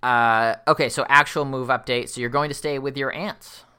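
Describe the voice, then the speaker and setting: Bright-voiced man rambling on a podcast. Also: mid-range voice, fairly even intonation, moderate pace, clean tone. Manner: rambling, many fillers and restarts. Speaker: podcast co-host. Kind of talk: casual podcast chat.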